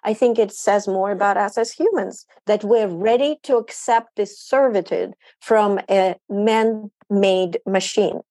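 A woman panelist speaking in a measured, deliberate way. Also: mid-range voice, dark tone, no room sound. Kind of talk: panel discussion.

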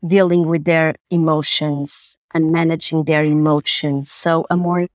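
A woman, a podcast guest who speaks thoughtfully, pausing and repeating words. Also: deep voice, little pitch movement, no room sound, clean studio sound. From Portugal. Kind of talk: podcast interview.

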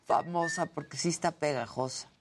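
A woman with a Mexican accent hosting a news show, trading relaxed, teasing banter in casual studio chat. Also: sits low, moderate pace, background noise.

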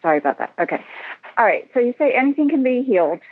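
A woman phones in to a radio show, her fairly high voice sing-song and fast over a tinny line, the phone held to her mouth. She sounds tired, hesitates, and repeats herself.

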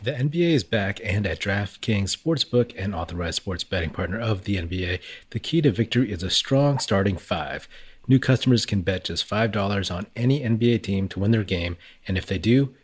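Deep-voiced man rattling off a legal disclaimer. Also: lively intonation, brisk, breathy edge. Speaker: podcast host reading a sponsor ad. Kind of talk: fast legal disclaimer read at the end of an ad.

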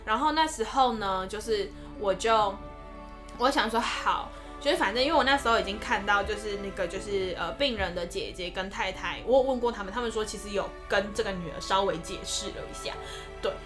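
A young adult woman, a nurse telling a story in a casual podcast chat, expressive and animated. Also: brisk, over music. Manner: expressive storyteller, lively swings in pitch.

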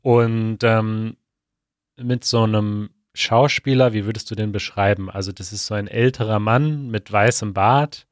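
A man co-hosting a podcast in casual chat, relaxed and a little hesitant. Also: fairly low pitch, a little slow, no echo, studio quality. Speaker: podcast co-host.

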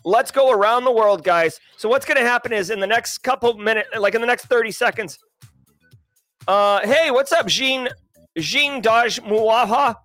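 A man hosting a daily livestream, talking casually and energetically to his chat with slang and shout-outs. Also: very high-pitched, normal speed, dry recording, soft background music. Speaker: host.

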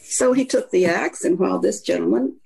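A woman's voice: mid-range voice, a little fast, creaky, dark tone, husky, rough recording. An older woman with a slight Kentucky accent, telling anecdotes in a reflective, rambling way as an interview guest. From Kentucky, Appalachia. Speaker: interview guest, author and academic.

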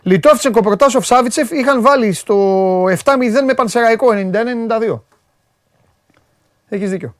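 A man's voice: very high-pitched, no room sound, studio quality. A man hosting a sports show, chatting casually, joking and repeating words for emphasis.

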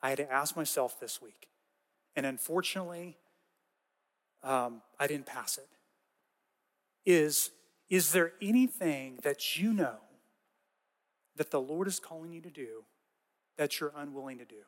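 A man giving a conversational sermon as pastor, with casual, animated storytelling and frequent asides. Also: fairly high pitch, measured pace, pauses often, big-room sound.

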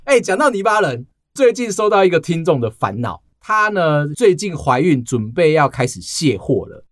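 A man co-hosting a podcast, telling stories in a casual, animated chat. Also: mid-range voice, no echo, clean studio sound. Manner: storytelling, animated. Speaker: podcast co-host.

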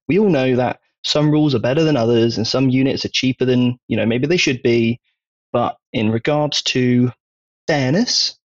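A man with a Wiltshire accent talks through his ideas on a casual podcast, often pausing to check in with "okay?". His voice is husky and a little breathy. The recording sounds dull and lo-fi. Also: mid-range voice. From Wiltshire, England. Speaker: podcast co-host.

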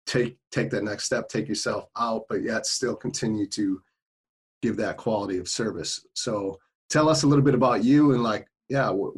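A man's voice: medium pitch, breathy edge. A man hosting a podcast, chatting casually with a guest and using lots of fillers. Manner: friendly, many fillers like "you know" and "like". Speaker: podcast host. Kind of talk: casual interview chat.

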